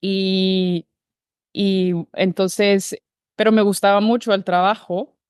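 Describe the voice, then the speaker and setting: In a relaxed interview, a Guatemalan behavior analyst recounts her career path, thoughtful and full of fillers and restarts. Her medium-pitched voice is flat, slow, and a little mellow, captured in clean studio sound with no room echo.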